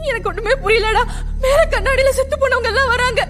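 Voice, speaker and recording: An actress playing a frightened young woman who is sure she saw ghosts, shrill and tearful. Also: fast talker, loud music behind the voice. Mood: scared.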